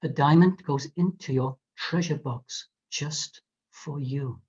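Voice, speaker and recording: A meditation guide leads a guided visualization in a soft, often whispered, mid-range voice with a breathy edge. Her phrasing is slow, gentle and drawn out, full of soothing repetitions, on a dull lo-fi recording.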